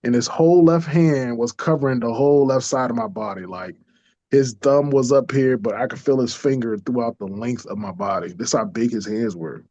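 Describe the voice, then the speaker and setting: Animated man telling a personal story. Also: medium pitch, normal speed, no room sound. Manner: animated, acts out quoted voices, laughs often. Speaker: interview guest. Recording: dull lo-fi dry sound.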